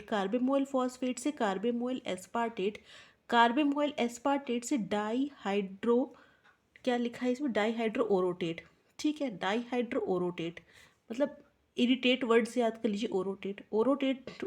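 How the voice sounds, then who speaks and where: A woman's voice: fairly high pitch, darkish tone. A woman teaching biotechnology, walking students through a pathway and a memory trick step by step, often checking in with "okay". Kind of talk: exam-prep lecture with mnemonics.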